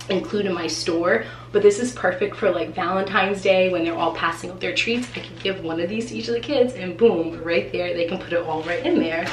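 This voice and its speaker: In her thirties and a teacher from New England, she sits facing the camera for a casual unboxing vlog, her fairly low voice nasal and stuffed up from allergies. Her talk is excited and chatty, heavy on "like" fillers. The small indoor room adds echo, and there's a faint hiss.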